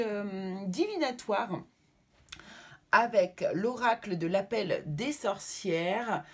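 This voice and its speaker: A woman's voice: on the high side, slight background noise. A woman giving a tarot card reading to her viewers, talking reassuringly and often checking in with them. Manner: affectionate sign-offs to viewers.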